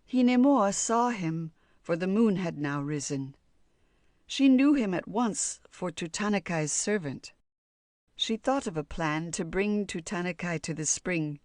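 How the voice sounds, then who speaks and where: A woman narrating a children's fairy tale audiobook in a calm, measured storybook voice. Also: on the low side, no room sound, studio quality.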